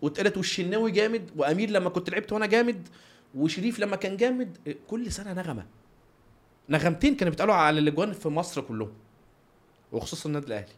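A man's voice: high-pitched, animated, racing. A man with an Egyptian Arabic accent, telling anecdotes as a footballer guest in an interview, acting out bits of dialogue as he goes. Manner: acts out dialogue and sound effects. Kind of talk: animated anecdotal interview talk.

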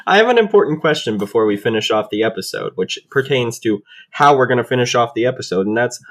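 Man, playful podcast co-host, animated lively pitch, casual chat. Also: brisk.

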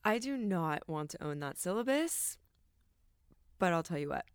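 A woman co-hosting a podcast in a playful, teasing way, laughing as she talks. Her voice sits a little low. She is recorded inside a walk-in closet, so the sound is close and completely dry. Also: very animated, normal speed, clear, resonant tone, no echo. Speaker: podcast co-host. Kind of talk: casual podcast chat.

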